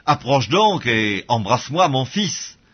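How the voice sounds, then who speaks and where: Old father figure voiced by a male reader; solemn, husky, muffled audio. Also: medium pitch, very animated, slow, full character voice. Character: old blind father blessing his son. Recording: dull lo-fi audio.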